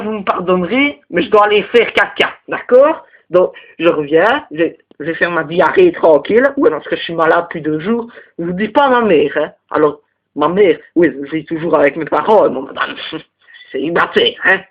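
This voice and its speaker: Man doing a vulgar Belgian male teacher, young, rambling, high indignant outbursts, comedy sketch, slightly muffled lo-fi sound. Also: animated, moderate pace. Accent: Belgian French. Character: crude, touchy male teacher, single, lives with parents. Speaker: teacher at a parents' meeting.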